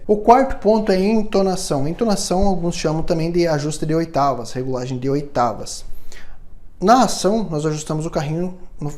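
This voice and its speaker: A man's voice: fairly high pitch, darkish tone. A man teaching a step-by-step guitar setup tutorial, explaining patiently and checking in with the viewer often. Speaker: guitar luthier instructor.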